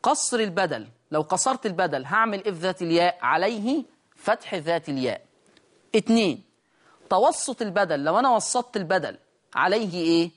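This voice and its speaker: A man with an Egyptian accent teaching a Quran recitation lesson, drawing out each example word slowly as he demonstrates it. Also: high voice, lively intonation. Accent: Egyptian Arabic. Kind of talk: recorded tajweed lesson.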